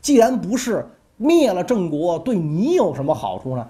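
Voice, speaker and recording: A man's voice: high-pitched, sing-song, moderate pace, dark tone. A man doing a shrewd, folksy envoy. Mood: persuasive. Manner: reasoning, persuasive, folksy. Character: shrewd persuasive male envoy.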